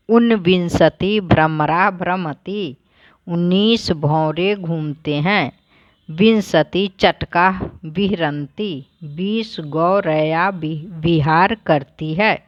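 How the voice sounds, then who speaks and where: A woman teacher who reads each word aloud, then explains it plainly, in a slow, deliberate lesson. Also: on the low side, no room sound, dull audio.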